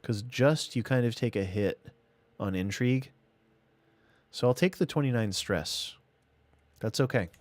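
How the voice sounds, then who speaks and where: A man's voice: medium pitch, measured pace, no echo. A man streaming a strategy game live, thinking aloud and chatting casually to himself and viewers. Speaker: gaming streamer. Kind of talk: casual live gameplay commentary.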